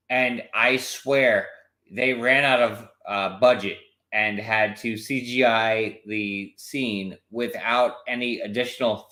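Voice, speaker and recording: A tipsy man giving a casual, scornful movie review, emphatic and halting, often repeating his phrases. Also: lowish voice, fairly bright tone. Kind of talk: casual spoiler review chat. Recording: roomy echo.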